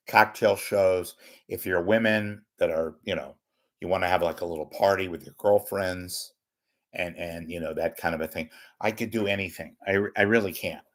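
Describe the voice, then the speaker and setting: A man hosting a live stream, casual banter that is crude, self-mocking and joking. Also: on the low side.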